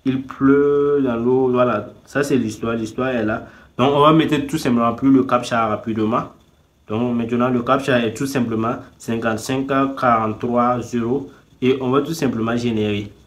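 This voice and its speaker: A man at a middle pitch gives a relaxed, chatty walkthrough of a website. He narrates each click as he goes and keeps falling back on the same filler phrase. Now and then he turns to his viewers with playful nudges. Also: normal speed. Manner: repeats "tout simplement" constantly; talks straight to viewers, teasing them to subscribe. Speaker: YouTube tutorial host. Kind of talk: casual screen-recording tutorial.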